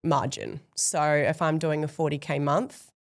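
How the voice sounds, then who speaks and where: A woman's voice: sits low, measured pace, creaky. A woman in her late twenties, originally from New Zealand, speaking as a guest in a casual interview, with lots of fillers like yeah and like. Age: 20s. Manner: chatty, with many fillers such as yeah and like.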